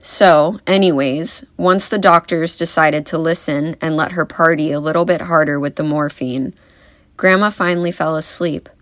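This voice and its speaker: A young woman speaks at a memorial, delivering a eulogy full of wry, gently humorous stories. Her voice sits low for a woman. The sound is dry and close, with no room echo. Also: steady tone, normal speed. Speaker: granddaughter giving a eulogy. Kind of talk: eulogy speech.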